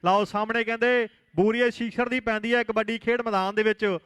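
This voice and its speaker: A man's voice: high voice, steady tone, brisk, fairly bright tone, clean tone, dry recording. A man commentating live on kabaddi and making announcements in a declamatory way.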